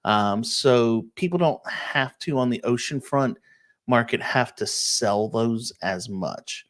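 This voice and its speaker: A man's voice: medium pitch, slow, fairly bright tone. A man, a real estate agent, giving a casual live-stream walkthrough of listings and answering viewer questions, checking in often with "okay?". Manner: casual, explanatory, many "um" and "okay?" check-ins.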